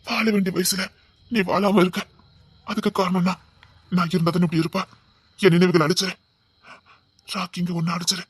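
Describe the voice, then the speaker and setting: A man playing a gentle departed husband who is saying goodbye, speaking softly and mournfully in a husky voice. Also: high voice, little pitch movement, normal speed, pauses often, no room sound. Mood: sorrowful.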